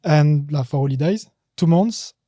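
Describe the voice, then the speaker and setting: French-accented guy, bit higher voice, broken english, casual podcast chat. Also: animated, mellow, no echo, studio quality. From France. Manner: broken English, short halting answers. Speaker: podcast guest, judo fighter.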